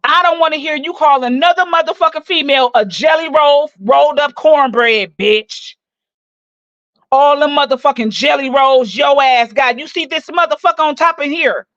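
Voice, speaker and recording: A woman in her forties delivering a profane, mocking rant full of loud insults as she roasts someone on her stream. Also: high-pitched, normal speed, no room sound. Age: 40s. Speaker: livestream host. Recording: dull dry lo-fi recording.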